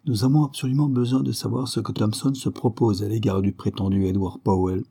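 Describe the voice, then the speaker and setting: A man playing a commanding male detective who gives crisp, urgent instructions in an audiobook. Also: on the low side, fairly even intonation, brisk, dark tone.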